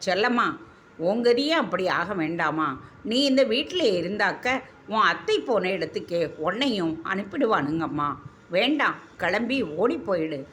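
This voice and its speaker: A woman's voice: medium pitch, animated, moderate pace, a bit bright, slight background noise, close to an everyday voice. A woman voicing a grieving elderly grandmother who is locked away, speaking in a tearful, pleading, affectionate way.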